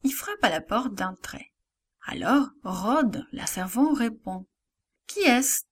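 A woman narrating a children's Bible lesson, speaking slowly and expressively and dropping to a hush at times. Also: mid-range voice, husky. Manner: slow and expressive, with hushed asides.

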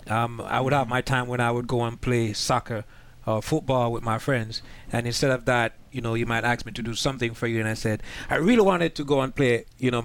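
Man from Jamaica, relaxed panelist, casual explanation. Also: medium pitch. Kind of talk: casual discussion.

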